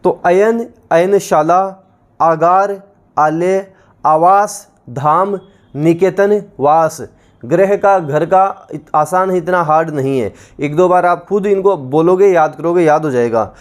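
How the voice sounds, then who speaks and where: A man teaching an exam-prep class, reciting word lists slowly and repeating them so students can memorize, with encouraging asides. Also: a little high. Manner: coaxing, encouraging.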